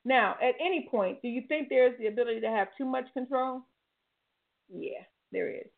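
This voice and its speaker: A woman's voice: fairly high pitch, normal speed, gravelly. An older woman hosting a talk show, giving preachy, folksy motivational advice and repeating her key phrases. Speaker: talk show host and life coach. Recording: tinny phone-like line.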